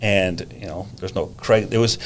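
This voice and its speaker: A man's voice: deep voice, steady tone, normal speed, slight background noise. A man in his fifties, a teacher and driving instructor, chatting casually on a podcast and telling stories with a gift of gab. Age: 50s.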